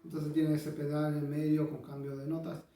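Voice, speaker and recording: A man teaching bandoneon, explaining in a thoughtful way with many pauses and sung-out rhythms. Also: fairly high pitch, monotone, loud music behind the voice. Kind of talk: instructional explanation. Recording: echoey room, voice from a distance.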